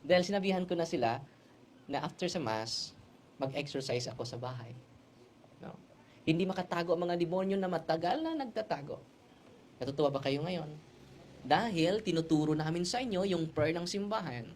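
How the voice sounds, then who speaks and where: A male priest preaching a sermon who tells stories and keeps adding quick tag questions, switching languages as he goes. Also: on the high side, expressive, darkish tone, slight background noise. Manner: storytelling with frequent tag questions; mixes Tagalog, Cebuano and English.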